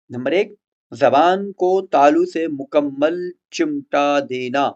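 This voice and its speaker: A man teaching the articulation of letters for Quran recitation, patient and methodical, repeating example words slowly. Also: fairly high pitch, a little mellow. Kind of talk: explaining letter articulation in a recorded lesson.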